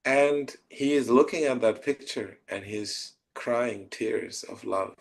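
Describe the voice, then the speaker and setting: A man, a spiritual teacher, answering a question by slowly telling a devotional story in a soft, tender way. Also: mid-range voice, vocal fry. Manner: slow, tender storytelling with soft trailing phrases.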